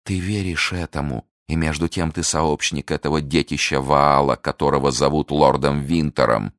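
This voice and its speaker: A man's voice: rumbling low, fairly even intonation, moderate pace, a bit bright, no room sound, studio quality. A man voicing a desperate, scheming noblewoman in an audiobook reading, pleading and accusing with passion. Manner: impassioned, pleading then accusing.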